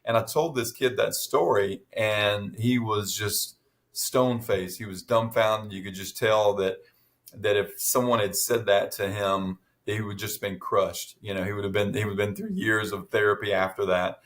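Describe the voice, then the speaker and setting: A man's voice: lowish voice, steady tone, moderate pace, a bit bright. A middle-aged man in casual chat as podcast co-host, telling stories with many restarts and fillers.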